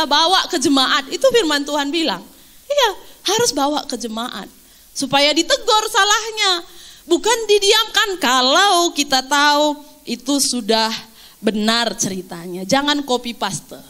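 A woman pastor preaching a sermon, lively and animated, acting out quotes and laughing along. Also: high-pitched.

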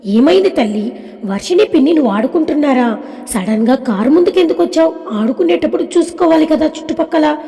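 A woman's voice: high voice, lively intonation, quick pace, warm tone, soft background music. A woman voicing a stern, protective husband and father who scolds firmly. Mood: concerned. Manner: scolding, firm. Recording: long reverb.

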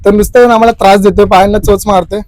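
A man vlogging outdoors in a village, talking excitedly and straight to his viewers. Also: high-pitched, racing. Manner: excited, addresses viewers directly. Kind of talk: casual outdoor vlog narration.

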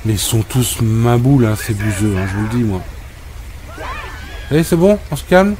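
A man's voice: fairly low pitch, big pitch swings, normal speed, crowd noise. A man giving comic role-play commentary over gameplay, scolding and exasperated in a joking banter. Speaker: gameplay video creator.

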